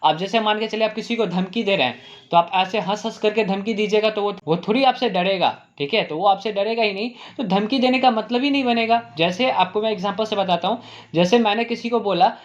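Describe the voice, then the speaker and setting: A male English teacher explaining grammar, asking the class rhetorical questions and repeating "ठीक है?" while saying example sentences slowly. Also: high-pitched, muffled recording.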